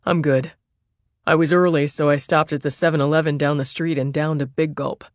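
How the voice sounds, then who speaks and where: A woman voicing a shy teenage young man who speaks politely, a bit fast and with precision. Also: low voice, steady tone, dry recording, studio quality, close to an everyday voice. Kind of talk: audiobook character voice.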